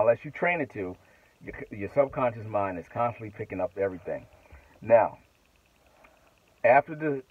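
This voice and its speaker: A middle-aged man vlogs to camera from his truck cab at night, rambling casually with restarts and asides. His voice is medium-pitched, the sound is phone quality, and there's no echo.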